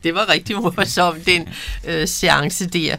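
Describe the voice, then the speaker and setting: Give me a higher-voiced male interviewer. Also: fairly even intonation, gravelly, sharp tone, a little hiss or hum. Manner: friendly, frequent short backchannels. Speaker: interviewer host. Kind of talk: casual interview.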